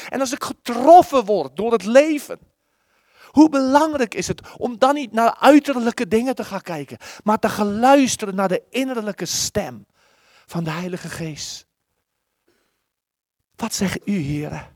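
A preacher giving an impassioned sermon, repeating words, pausing for effect and acting out scripture quotes. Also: mid-range voice, no room sound, clean studio sound. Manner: acts out the biblical quotes.

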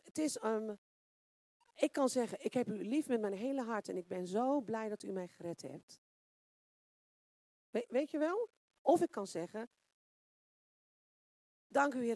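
A woman's voice: a little high, a little mellow, dry recording. A woman preaching an informal sermon, asking the room rhetorical questions and searching for words with frequent fillers.

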